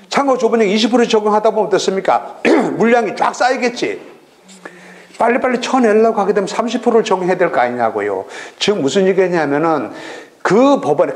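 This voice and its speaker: A middle-aged man giving a recorded lecture on real estate auctions, lively and full of rhetorical questions. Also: high-pitched. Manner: lively, rhetorical questions, acts out regional voices.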